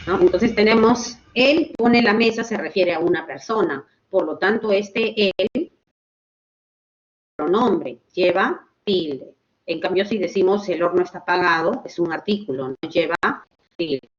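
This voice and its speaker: Slow woman teaching online. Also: fairly low pitch, dull audio. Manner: slow, explanatory, checks in with "¿ok?". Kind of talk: online class lecture.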